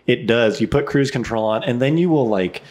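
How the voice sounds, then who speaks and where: A man's voice: mid-range voice, moderate pace, darkish tone. A man in a casual, sweary chat, telling stories and slipping into imagined quotes as he goes. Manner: frequent swearing. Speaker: podcast co-host recounting road trips.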